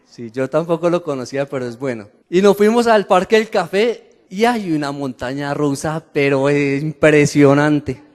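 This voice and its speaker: High-voiced Colombian pastor preaching. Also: male voice, moderate pace, few pauses. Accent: Colombian Spanish. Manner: animated storytelling with the congregation, laughing and asking questions. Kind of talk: sermon. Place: church hall. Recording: long hall reverb.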